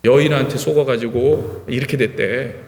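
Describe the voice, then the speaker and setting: A man's voice: medium pitch, moderate pace, darkish tone, voice pushed down, lightly acted. A male pastor mimicking enemy soldiers who taunt and mock a captive. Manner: mocking, taunting. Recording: reverberant church hall.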